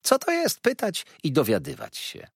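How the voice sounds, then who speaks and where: A man's voice: fairly high pitch, huge pitch swings, normal speed, creaky, slightly rough, dry recording, studio quality, pitched above the performer's own voice, exaggerated voice. A man reading an audiobook voices a sarcastic young woman who feigns innocence with arch, needling questions. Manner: arch, mock-naive questioning.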